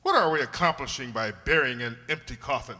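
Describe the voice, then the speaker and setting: Man playing Doctor Watson, animated and blustery. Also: mid-range voice, fairly quick. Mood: agitated. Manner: pompous, blustering. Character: blustery, earnest gentleman doctor, detective's loyal companion. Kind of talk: radio play acting and narration. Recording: echoey hall.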